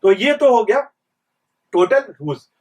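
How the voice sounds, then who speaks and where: A man's voice: sits high, very animated, measured pace, a little mellow, recorded from a distance. A young man teaching an exam-prep reasoning lesson, repeating points and quizzing students with rhetorical questions. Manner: mixes English terms into Hindi speech.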